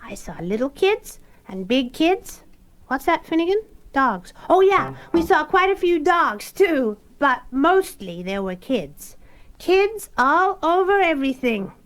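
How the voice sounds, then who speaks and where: A woman's voice: high-pitched, very animated, unhurried. A woman voicing a cheerful little boy puppet who tells a story with giggles and a sing-song lilt, on a children's record. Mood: storytelling. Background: children's music.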